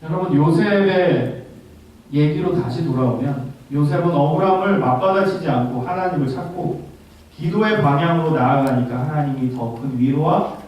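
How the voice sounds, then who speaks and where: A man's voice: on the high side, darkish tone. A man preaching a sermon as pastor, speaking directly to the congregation with frequent questions. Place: church worship hall. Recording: very echoey hall, from far off.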